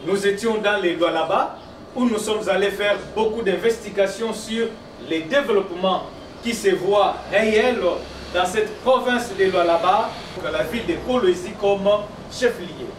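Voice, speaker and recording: A man's voice: high-pitched, unhurried. A man introducing a report, speaking formally and addressing the audience directly. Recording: echoey and distant, with clear background noise.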